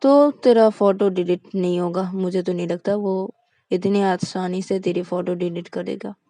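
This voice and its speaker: A woman's voice: on the low side, fairly even intonation, normal speed, warm tone, no echo, natural voice. A woman voicing a bossy young woman who gives blunt, insistent advice. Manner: insistent, giving orders.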